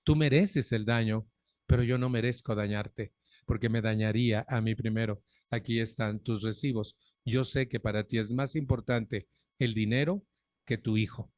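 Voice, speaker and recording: A man's voice: on the low side, fairly even intonation, moderate pace, darkish tone, no echo. A middle-aged man with a Mexican Spanish accent, giving a frank personal testimony at a recovery group meeting on a stand microphone, speaking bluntly with earthy profanity and direct questions to the audience.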